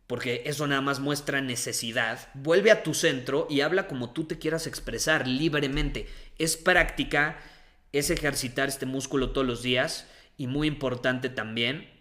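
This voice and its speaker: Man, young adult, motivational coaching talk, emphatic and repetitive, bright tone. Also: medium pitch. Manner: emphatic, repeats key phrases, slows down on points. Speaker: coach giving dating and confidence advice.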